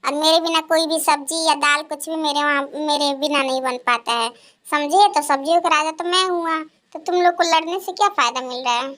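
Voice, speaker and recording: A cartoon garlic with a very high, sharp, bright voice. He is smug and bragging, and mocks the others. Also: a little fast. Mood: boastful. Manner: bragging, mocking. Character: boastful smug male garlic, self-proclaimed king. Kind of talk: cartoon voice acting.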